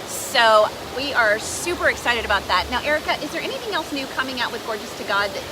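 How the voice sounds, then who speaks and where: A woman with a fairly high voice talks casually to her livestream viewers. She is upbeat, chatty and quick to joke as she co-hosts. A steady rushing noise sits clearly behind her voice. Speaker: co-host promoting a giveaway.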